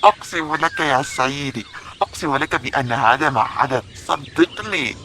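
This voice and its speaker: A man's voice: fairly low pitch, lively intonation, quick pace, fairly bright tone, a little hiss or hum. A man playing stern ancient Roman soldiers and officers in an audio drama. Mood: pleading. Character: gruff Roman soldiers and commanding officers, adult men.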